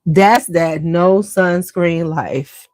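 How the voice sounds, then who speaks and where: A woman's voice: lowish voice, drawn-out words, darkish tone, dry recording. A woman hosting a beauty livestream, chatting casually and slangily straight to her viewers.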